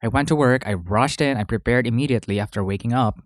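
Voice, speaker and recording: A fast-talking podcast host with a mid-range voice chats casually over food, rambling, self-correcting and chewing between phrases. The studio sound is clean, with no echo.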